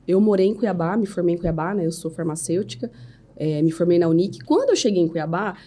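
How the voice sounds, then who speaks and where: A Brazilian woman in her thirties speaks as a podcast guest, giving an earnest, faith-filled personal testimony. Her voice sits a little low and sounds soft and warm. She keeps checking in with the listener as she talks. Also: lively intonation, quick pace. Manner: earnest, faith-filled storytelling with frequent "né?" tags.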